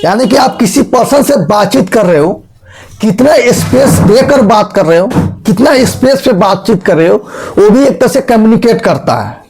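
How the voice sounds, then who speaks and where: High-voiced man teaching a class. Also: animated, normal speed, creaky, a little mellow, husky, soft background music. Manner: explains step by step with rhetorical questions; demonstrates tone and expressions while teaching. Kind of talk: explaining a lesson.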